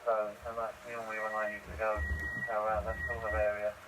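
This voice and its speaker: A man's voice: on the low side, completely flat delivery, a little fast, background noise. A man with an Essex accent running an amateur radio net, chatting casually with many fillers. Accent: Essex English. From Essex, England. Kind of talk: amateur radio chat with call signs. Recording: distant, muffled radio transmission.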